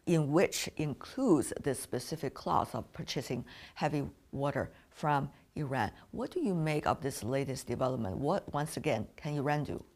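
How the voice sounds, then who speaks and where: Woman interviewer, really low voice, formal measured questions. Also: lively intonation, darkish tone.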